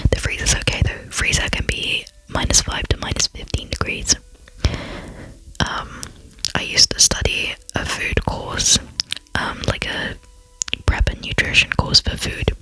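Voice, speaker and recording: A soft, rambling voice whispering gameplay commentary for an ASMR channel. The whisper is bright and crisp, almost entirely breath with barely any voiced tone. The talk is casual and chatty, full of ums and small self-mocking asides. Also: low-quality recording. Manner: self-deprecating, lightly giggly asides. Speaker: ASMR gaming channel host.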